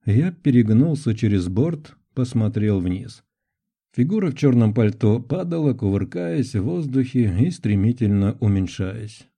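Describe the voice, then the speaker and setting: A male audiobook narrator reading first-person adventure prose in a measured, tense way. His voice is very dark and mellow, in a middle pitch. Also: animated.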